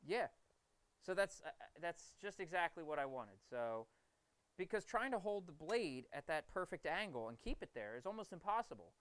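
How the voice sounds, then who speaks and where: A man's voice: on the high side, very animated, moderate pace, fairly bright tone, clean tone, dry recording. A man livestreaming from his basement forge, explaining knife grinding in an enthusiastic, rambling way. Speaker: streamer and knifemaker. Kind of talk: casual livestream talk while working.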